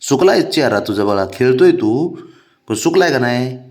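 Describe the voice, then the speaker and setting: A man's voice: mid-range voice, animated, moderate pace, darkish tone. A man coaxing his cats to take their medicine, slipping between plain remarks and sing-song baby talk. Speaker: cat owner. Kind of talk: casual vlog talk to pets.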